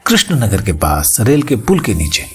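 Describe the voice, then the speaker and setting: A man voicing a talking male donkey who slowly spells things out and often shouts to be understood. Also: fairly low pitch, huge pitch swings, husky, faint music behind, exaggerated voice. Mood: patient.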